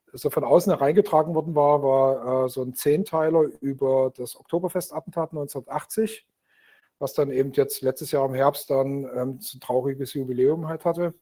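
Guy from dresden, warm low-key voice, rambling with lots of ums, video call from home. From Dresden, Germany. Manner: relaxed, rambling with many fillers. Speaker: guest speaker. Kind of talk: casual talk over video call. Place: home in Berlin.

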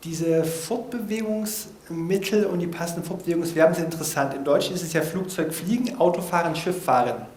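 A man's voice: on the high side, a little fast, few pauses, darkish tone. A man in an informal setting explaining foreign vocabulary to listeners, thinking aloud with frequent hesitations. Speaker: language learner presenting vocabulary notes. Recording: echoey room.

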